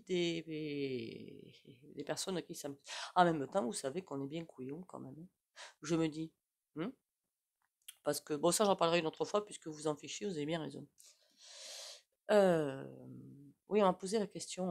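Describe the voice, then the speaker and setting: A woman's voice: low-pitched, a little mellow. A woman with a regional French accent giving a casual, rambling tarot reading to her viewers, with frequent "hein" asides. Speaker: tarot reader.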